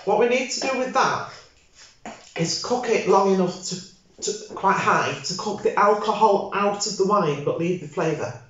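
A woman's voice: mid-range voice, a little slow, slight background noise. An older woman hosting a home cooking video, chatting casually and rambling as she cooks at her table. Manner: chatty, rambling, self-correcting. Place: home dining room, indoors. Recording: very echoey room, dull lo-fi sound.

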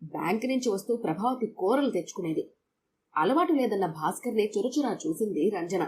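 A woman storyteller reads a domestic tale in a steady, expressive narration at a middle pitch. Her delivery is scripted and even. A faint hum of background noise sits under the voice.

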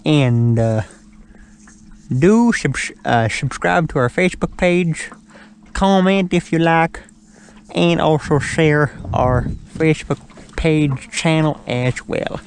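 A man's voice: on the high side, takes it slowly, a little hiss or hum. A man with a Southern accent hosting a fishing show, chatting in a folksy, joking way from a boat on a lake. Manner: folksy, joking, calls his buddy "son". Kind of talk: casual chat while fishing.

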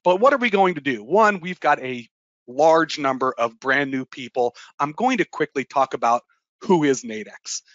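A man giving an emphatic, energetic webinar presentation as a trading educator, with frequent fillers. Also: a little high, normal speed, dry recording. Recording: dull, dry lo-fi webinar audio.

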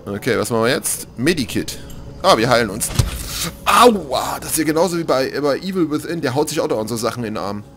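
A man commentating his horror game playthrough, joking and excitable, dropping to whispers when things get tense. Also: mid-range voice, fast, a little hiss or hum. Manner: excitable, jokey, drops to whispers in tense moments. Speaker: let's play commentator. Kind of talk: gaming commentary. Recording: gameplay music playing behind.

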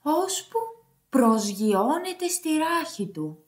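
Lively, sing-song woman storyteller. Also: high voice. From Greece. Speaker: children's storyteller. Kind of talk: storybook narration for children.

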